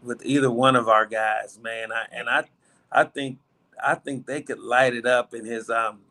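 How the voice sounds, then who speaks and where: A man calling in to a sports show, giving his opinion casually and haltingly as he thinks aloud. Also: mid-range voice, fairly even intonation, pushed and bright. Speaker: first-time caller. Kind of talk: casual sports call-in chat.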